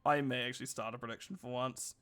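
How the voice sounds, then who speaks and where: A man casting a live esports match, excitable and chatty, with quick laughs between his play-by-play calls. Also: mid-range voice. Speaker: esports caster.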